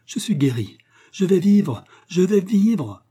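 A man's voice: medium pitch, moderate pace, mellow, husky, close to an everyday voice. A man voicing a lovesick young man in a storybook reading, with an emotional, pleading delivery. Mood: overjoyed.

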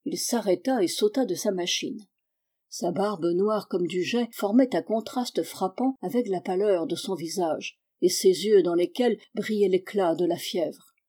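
A woman narrating a classic story for an audiobook. Her reading is measured and even. Her voice is warm and mellow. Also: medium pitch. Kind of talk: scripted narration.

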